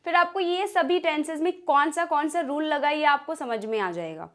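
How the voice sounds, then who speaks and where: Woman teacher w/ a high voice, says english examples real slow, explains things over and over. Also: fairly bright tone. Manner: repetitive, patient explaining. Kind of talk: bilingual grammar lesson.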